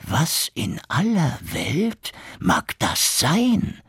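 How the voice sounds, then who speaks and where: A man's voice: fairly high pitch, wildly swooping pitch, very slow, vocal fry, fairly bright tone, slightly rough, no room sound, studio quality, voice pushed up, exaggerated voice. A man doing a greedy, whiny innkeeper. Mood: scheming. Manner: scheming, then whiny. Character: greedy, cowardly male innkeeper.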